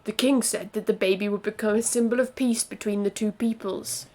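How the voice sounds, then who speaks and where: A woman's voice: medium pitch, steady tone, fairly quick, a little mellow. A woman streaming a game, reading its story dialogue aloud earnestly, with joking asides.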